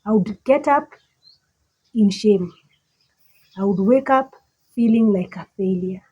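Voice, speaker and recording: Speaking deliberately and with emphasis, this Kenyan-accented woman gives a motivational talk full of repeated phrases. Her voice is mid-range and slightly husky, captured in lo-fi sound.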